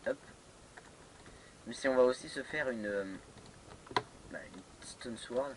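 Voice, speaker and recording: A man's voice: medium pitch, slow, noisy background. Hesitant man commenting on his game. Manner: hesitant, many fillers and restarts, laughing to himself. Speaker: gamer playing a modded block-building game. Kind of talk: casual let's play commentary.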